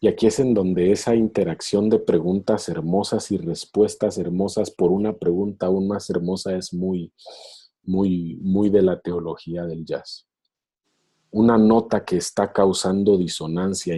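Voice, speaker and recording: A man with a low, dark voice gives a reflective lecture over a video call. He speaks slowly and unhurriedly. He retells a story and acts out its voices, and his tone is slightly husky. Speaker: speaker in a theology webinar.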